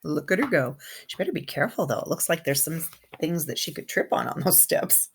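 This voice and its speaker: A kindergarten teacher reads a picture book aloud to young children, expressive and chatty, asking questions and commenting as she goes. Her voice is low and brisk, with slight background noise behind it.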